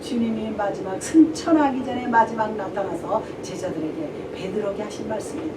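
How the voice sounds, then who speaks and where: A woman pastor preaching a sermon, telling the story with animated quoted dialogue. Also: medium pitch, brisk. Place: church sanctuary. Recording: echoey church from a distant mic, with background noise.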